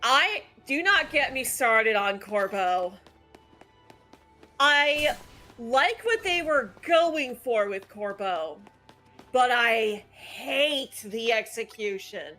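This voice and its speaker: A woman hosts a casual chat about games, picking apart characters in an opinionated, analytical way. Her voice is bright and a touch high. Faint music plays underneath. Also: very animated, extremely slow. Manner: opinionated, analytical, lots of "like" fillers. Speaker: channel host. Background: faint background music.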